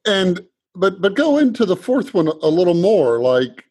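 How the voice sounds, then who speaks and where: A man's voice: sits high, very animated, a little slow, a little mellow, slightly rough, dry recording. A man hosting an interview, asking questions and rephrasing them as he searches for words. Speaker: host.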